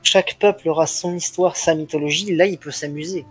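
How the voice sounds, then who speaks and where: A man's voice: fairly high pitch, fairly quick. Man chatting over music. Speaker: panelist. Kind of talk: casual chat.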